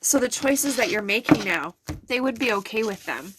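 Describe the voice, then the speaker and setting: Middle-aged woman, intuitive card reader, soothing and earnest, a bit high-pitched, live-stream reading. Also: lively intonation, normal speed, very noisy. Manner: soothing, earnest, addresses viewers directly.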